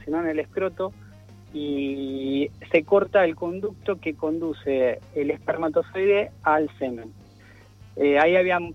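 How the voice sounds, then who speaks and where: A man, a guest in a radio interview who talks with many restarts and fillers. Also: on the high side. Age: 40s. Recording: dull lo-fi radio sound.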